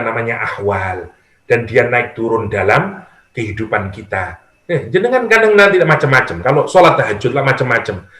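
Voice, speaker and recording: A middle-aged male preacher with a Javanese accent, speaking at a medium pitch in a casual teaching tone. He slips into acted-out voices of praying worshippers and breaks in with humor. The sound is roomy, with a clear echo around him. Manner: lively, acts out worshippers' prayers, mixes in humor. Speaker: Islamic preacher. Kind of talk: conversational religious lecture. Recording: echoey room.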